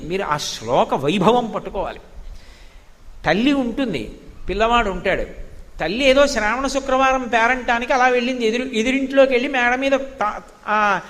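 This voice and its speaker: A man giving a devotional sermon, telling stories in an animated way and reciting Sanskrit verses. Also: very high-pitched, moderate pace. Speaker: spiritual discourse speaker. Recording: long hall reverb.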